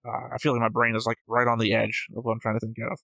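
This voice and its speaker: This reaction-show host reads viewer comments very fast in a monotone, his medium-pitched voice creaky, bright, and forceful. The discussion is casual, and he is argumentative and digressive, often correcting himself. There's no echo.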